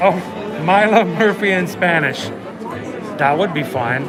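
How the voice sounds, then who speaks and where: A man with a high voice hosts a casual livestream over music and crowd chatter. His R sounds come out like W, and he tells stories in an animated way. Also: slow, poor audio. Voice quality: speech impediment on R sounds, says w for r. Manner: animated storytelling with acted-out quotes. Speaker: livestream host. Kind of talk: casual livestream chat at a theme park. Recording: background music and crowd noise in public space. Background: theme park music and crowd chatter.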